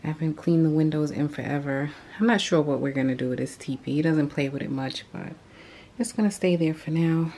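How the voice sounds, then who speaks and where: A woman's voice: low voice, fairly quick, warm tone, a little hiss or hum. A young adult woman talking to viewers while she cleans her house, a bit out of breath. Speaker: cleaning vlogger. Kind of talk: casual cleaning vlog narration. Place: at home.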